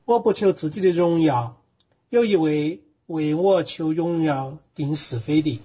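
A man reading scripture aloud in a steady, measured way. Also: a little high, slightly rough. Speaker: guest reader. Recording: dull lo-fi recording.

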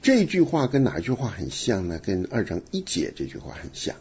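A man's voice: lowish voice, wildly swooping pitch, fairly quick, a little mellow, husky, lo-fi sound. A man teaching the Bible on a radio program, talking emphatically and asking rhetorical questions. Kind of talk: radio Bible study discussion.

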